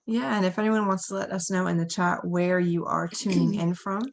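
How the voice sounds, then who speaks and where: A woman hosting a live video stream as an astrologer, talking in a quick, friendly way. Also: on the low side, steady tone, vocal fry. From United States. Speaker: astrologer host. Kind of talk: casual livestream hosting.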